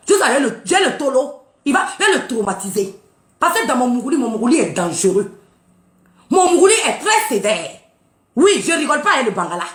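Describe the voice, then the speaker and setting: A woman's voice: high voice, fairly bright tone. Taunting woman. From Burkina Faso. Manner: mocking, taunting, boastful, laughing. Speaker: live social media streamer. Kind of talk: live-stream rant. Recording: roomy echo.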